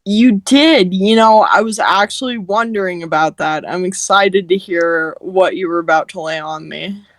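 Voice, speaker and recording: A woman's voice: lowish voice, normal speed, no echo. A woman chatting casually as a guest, laid-back and slangy. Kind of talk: casual chat.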